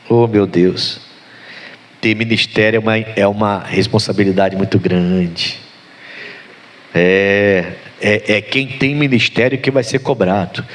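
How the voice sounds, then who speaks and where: A man preaching a sermon as pastor, swinging between loud emphatic lines and low calls to the congregation, and asking them for responses. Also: creaky.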